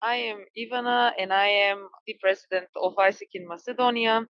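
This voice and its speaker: A woman's voice: fairly high pitch, steady tone, fairly quick, no echo, lo-fi sound. A woman in her twenties, a polite and cheerful podcast guest, speaking over a video call. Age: 20s. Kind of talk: casual podcast interview.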